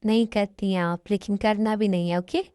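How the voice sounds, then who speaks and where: A woman voicing a middle-aged mother giving gentle, motherly advice, in an amateur fan-story dub. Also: mid-range voice, fairly even intonation, normal speed, clear, resonant tone, no echo, studio quality, close to an everyday voice. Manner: warmly scolding, motherly.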